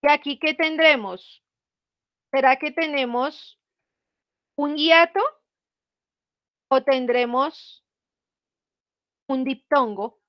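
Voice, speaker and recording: A woman teacher, speaking slowly and patiently to her students. Her voice sits high, and she checks their answers with frequent questions. The recording is close and dry. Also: fairly bright tone, no room sound. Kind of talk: online class explanation.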